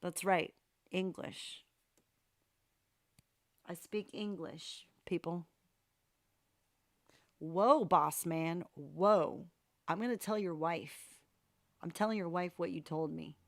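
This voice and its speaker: A woman's voice: fairly low pitch, fairly even intonation, slow pace, long pauses, no echo, clean studio sound. A woman hosting a live piano-request stream, playfully chatting and answering viewers. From United States. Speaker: live-stream pianist host. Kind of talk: casual live-stream chat.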